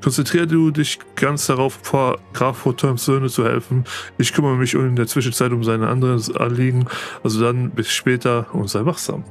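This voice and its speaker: A man's voice: medium pitch, level tone, normal speed, faint music behind, natural voice. A man reading as a serious young strategist ally. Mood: earnest. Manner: read aloud plainly from game text.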